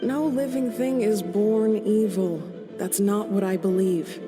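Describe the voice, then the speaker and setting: A woman voicing a calm, earnest young traveler in a video game, speaking in a measured way. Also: mid-range voice, natural voice. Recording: game audio with long reverb. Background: game music.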